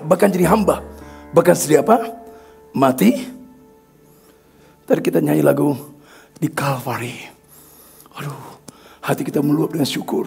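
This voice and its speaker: A man pastor preaching a sermon to his congregation in a church, with an Indonesian accent, joking with them and rising suddenly to loud peaks. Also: sits high, vocal fry, slightly rough. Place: church hall.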